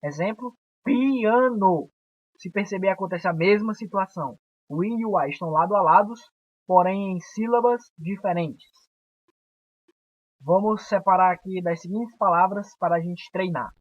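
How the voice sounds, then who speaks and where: A young Brazilian man gives a recorded grammar lesson, his voice husky and a little breathy. He explains patiently and draws syllables out slowly. The sound is dry and dull, like a lo-fi home recording in a small room. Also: high voice, no echo. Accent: Brazilian Portuguese. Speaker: teacher.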